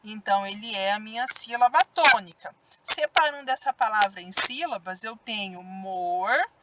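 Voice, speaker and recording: A woman's voice: a little high, expressive, moderate pace, heavy background noise. A woman teacher with a Brazilian Portuguese accent giving a recorded grammar lesson for children, drawing out stressed syllables as she demonstrates words.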